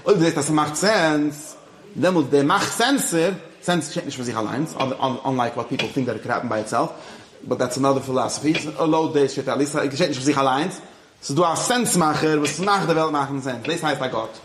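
A man's voice: fairly high pitch, a little fast, reverberant. A man giving an informal religious lecture, moving between Yiddish and English and often checking that his listeners follow. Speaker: religious teacher.

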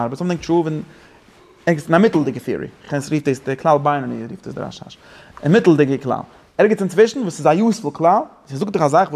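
A man teaching an informal religious class to students, halting, with many restarts and repeated words, and English phrases mixed in. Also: on the high side.

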